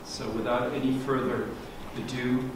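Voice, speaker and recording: A man's voice: medium pitch, flat delivery, moderate pace. A man moderating a church event who introduces the guest speaker in a hesitant way, with frequent ums. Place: church hall. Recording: echoey hall, distant mic, noise.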